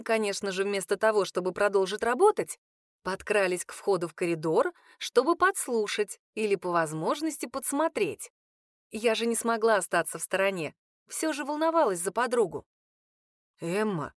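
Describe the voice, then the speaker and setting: A woman reading a first-person audiobook with even, expressive storytelling. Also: mid-range voice, no echo, clean studio sound. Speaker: audiobook narrator.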